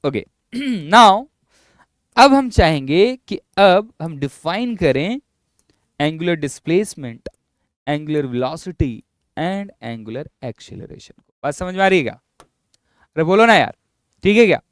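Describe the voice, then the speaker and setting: A man teaching physics in a classroom lecture. He explains slowly and repeats himself, coaxing his students along. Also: on the high side, very animated, no room sound, clean studio sound. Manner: drawn-out, repetitive explaining, coaxing students with "yaar" and "bhai".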